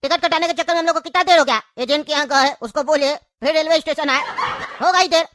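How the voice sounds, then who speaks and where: A woman's voice: high voice, quick pace, no room sound, clean studio sound. A woman voicing a bossy, mocking know-it-all man in a comedy skit, with a Bhojpuri-region Hindi accent. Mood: teasing. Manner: scolding, mocking, loud.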